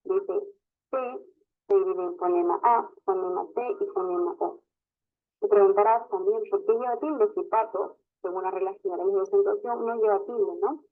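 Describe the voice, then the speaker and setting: Teacher with tinny phone-like sound. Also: medium pitch. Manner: explains step by step, constantly adds a questioning tag. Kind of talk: online class lecture.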